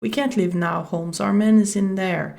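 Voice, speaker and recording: A woman's voice: medium pitch, fairly even intonation, normal speed, vocal fry, a little mellow, close to an everyday voice. A French Canadian woman reading the lines of a cautious male Victorian doctor and companion from a game. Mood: urging. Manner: reading the game's dialogue.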